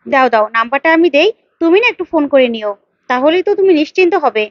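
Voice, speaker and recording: A woman voicing a sharp young woman in a story, laying a trap with quick, persuasive talk in a high, fast voice. She sounds set on getting her way. The recording is slightly dull and very dry. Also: lively intonation, no echo. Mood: scheming.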